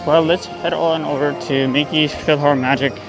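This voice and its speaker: In a slightly high, steady voice at a normal pace, a man casually narrates a vlog as he wanders a theme park among rides and queues. Music plays clearly in the background.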